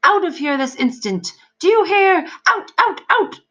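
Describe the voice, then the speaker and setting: A woman's voice: very animated, unhurried, a bit bright, highs cut off, heavily acted. A woman voicing a small, bossy male demon who shrieks and stammers threats, in a storybook reading. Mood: screaming. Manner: shrill, screaming, stammering threats.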